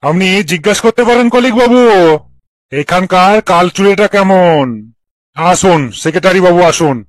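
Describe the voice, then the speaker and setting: A man voicing a stubborn male headmaster in a cartoon, calming others but insisting he is right. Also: sits high, moderate pace, no echo, natural voice. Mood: placating. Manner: placating yet stubborn.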